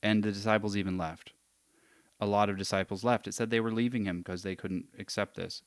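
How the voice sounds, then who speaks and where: A man's voice: on the low side, fairly even intonation, a little fast, no room sound, clean studio sound. A man hosting a live question session, casually thinking aloud and reading long passages aloud with emphasis. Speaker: host answering viewer questions.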